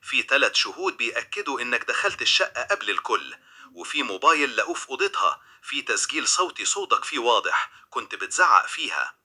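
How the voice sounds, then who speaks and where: A man's voice: mid-range voice, very animated, fast, sharp tone, slightly rough, exaggerated voice. A man voicing a young male defense lawyer who speaks bluntly and plainly, with an Egyptian accent. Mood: grave. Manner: blunt, matter-of-fact.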